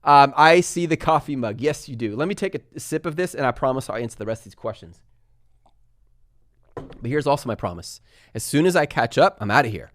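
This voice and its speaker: A man from Texas and California hosting a casual live stream, talking fast and energetically while reading viewer comments aloud. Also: medium pitch, expressive, no echo. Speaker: livestream host answering viewer questions.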